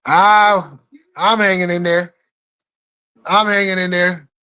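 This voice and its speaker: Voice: mid-range voice, flat delivery, slow pace, sharp tone, smooth. A live stream host chatting casually with viewers in informal, slangy speech peppered with swearing.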